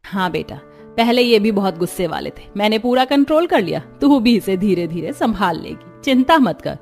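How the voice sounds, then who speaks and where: Over soft background music, a woman voices a kind, caring middle-aged mother-in-law for a cartoon story. Her mid-range voice swings widely in pitch at a normal speed, soothing yet gently firm.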